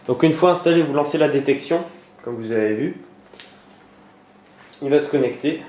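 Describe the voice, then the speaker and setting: In an echoey room with a faint underlying hiss, a man guides viewers through a screen-recorded computer tutorial. His mid-pitched voice is dark and mellow at a moderate pace, and he keeps pausing for fillers and starting phrases over.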